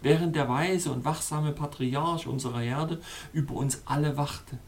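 A man voicing a small, trapped male chimpanzee in a storybook, softly imploring. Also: fairly high pitch, normal speed, close to an everyday voice. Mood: pleading. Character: small male chimpanzee frozen in ice, pleading.

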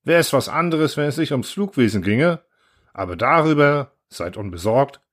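A man's voice: medium pitch, lively intonation, a bit bright, voice pushed up, close to an everyday voice. A man doing a clumsy rambling guard. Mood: earnest rambling. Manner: halting, rambling, full of fillers. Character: bumbling male airfield guard, eager, clumsy speaker.

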